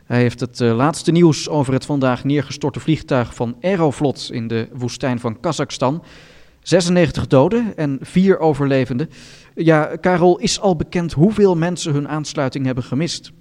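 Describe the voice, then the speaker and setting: A man hosting a satirical radio news show, reading items in a calm, formal deadpan. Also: a little high, normal speed, in a large hall. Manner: calm, formal newsreader delivery.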